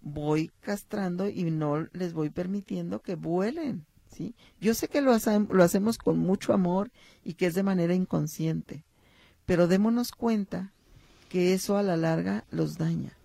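Gravelly-voiced Mexican woman, mellow and dry. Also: fairly low pitch, a little slow, no echo. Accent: Mexican Spanish. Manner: warm storytelling, acts out short quotes, addresses listeners. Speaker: psychologist and talk host. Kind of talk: reflective talk on motherhood and stories.

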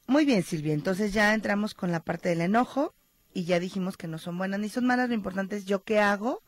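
A woman's voice: mid-range voice, fairly quick, no echo. A woman hosting a radio talk show, chatting and reading listener messages. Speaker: radio host.

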